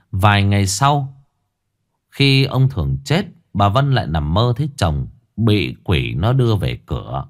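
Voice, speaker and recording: A man's voice: lowish voice, darkish tone. A man narrating a scripted horror story, dramatic and dwelling on gruesome detail.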